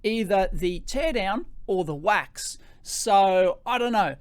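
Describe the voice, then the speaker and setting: An Australian man with a high-pitched voice and rising sentence endings, giving an excitable, casual off-the-cuff gear demo into a close microphone. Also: slow pace, clear, resonant tone, no room sound. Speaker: tech reviewer hosting a gear demo. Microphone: close podcast microphone.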